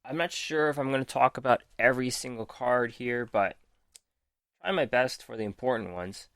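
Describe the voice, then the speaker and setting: A man's voice: mid-range voice, moderate pace, fairly bright tone, dry recording, clean studio sound. A man hosting a podcast, methodically reading out card text and reviewing it with frequent ums while losing his voice. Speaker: podcast host. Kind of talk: casual card game review.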